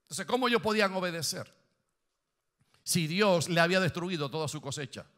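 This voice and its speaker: A man's voice: sits high, brisk, fairly bright tone. A man preaching a sermon as pastor, reading scripture aloud and explaining it, with rising questions and phrases that lift into song.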